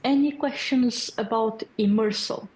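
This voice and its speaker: A woman in her thirties with a slightly high, darkish voice takes her time as she presents a developer tool at a hackathon, where she serves as developer community lead. Born in Brazil, she speaks Portuguese natively and has a Brazilian accent. Her technical talk is friendly and explanatory, sprinkled with fillers and check-in questions, and the recording quality is low.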